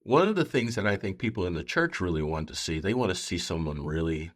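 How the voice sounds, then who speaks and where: A man speaking as a pastor in a conversational podcast style, earnest and halting, often voicing other people's remarks. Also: deep voice, lively intonation. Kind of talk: conversational podcast talk with storytelling.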